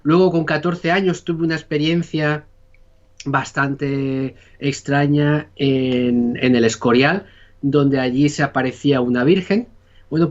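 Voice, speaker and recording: A Spanish man with a Spanish accent and a slightly high voice tells his story as a podcast guest, rambling casually with lots of fillers and restarts. The sound is lo-fi.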